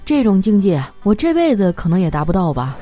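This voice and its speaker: A woman telling comic stories in a lively, animated way, laughing through her punchlines. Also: medium pitch, quick pace, faint music behind. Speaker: comedy monologue performer. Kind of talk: stand-up style comic storytelling.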